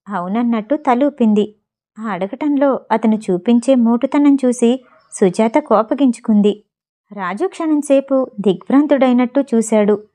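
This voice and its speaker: A woman narrating a storybook tale with steady, expressive pacing. Her voice sits a little high but warm and mellow, never sharp. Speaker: audiobook narrator.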